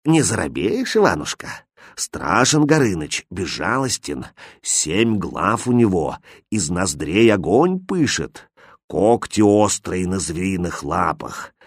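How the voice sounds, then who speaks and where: A man's voice: low voice, very animated, breathy edge, dry recording, clean studio sound, heavily acted. A man voicing a grave little magical old man. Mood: warning. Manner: slow, grave, warning.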